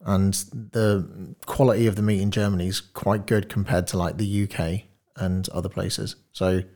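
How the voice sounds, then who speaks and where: A man in his late thirties speaks as a podcast guest in a low, easygoing voice. He tells his story casually, laughing often and swearing without fuss. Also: steady tone, normal speed, dark tone. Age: 30s. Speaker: podcast guest, diet coach.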